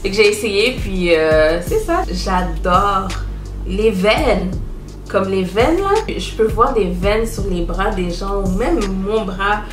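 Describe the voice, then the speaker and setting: A woman's voice: mid-range voice, slow pace. Chatty young Québécoise woman vlogging. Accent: Quebec French. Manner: animated, chatty, mixes in English words. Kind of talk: casual chat to camera. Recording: echoey room with music behind.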